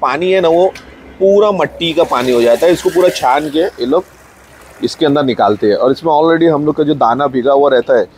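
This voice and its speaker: A man's voice: a little high, a little fast, darkish tone. Man with a Mumbai Hindi accent, farm owner doing casual phone-camera vlog narration outdoors, chatty, faint noise behind. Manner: chatty, points things out, mixes in English words. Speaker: farm owner filming his buffalo feeding.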